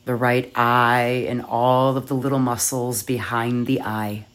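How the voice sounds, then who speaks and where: A meditation guide leading yoga nidra in a soft, soothing, measured voice with long pauses. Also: mid-range voice, level tone.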